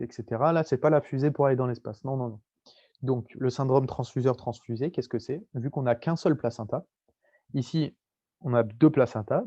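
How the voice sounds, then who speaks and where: A man's voice: mid-range voice, dark tone, dull audio. A young man tutoring students online, explaining with jokes, playful mnemonics and chatty asides to the viewers. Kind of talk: casual lecture with mnemonics.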